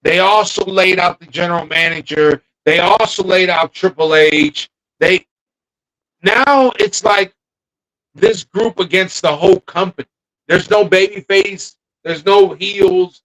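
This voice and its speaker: A man's voice: high-pitched, measured pace, fairly bright tone, poor audio. A man co-hosting a casual podcast, thinking aloud, trailing off and restarting his sentences. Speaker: podcast co-host. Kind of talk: casual wrestling chat.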